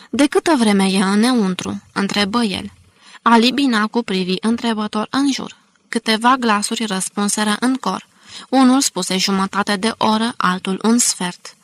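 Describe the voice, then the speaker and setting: A woman narrating a novel as an audiobook, in a measured, even reading. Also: mid-range voice, dry recording. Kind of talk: scripted narration.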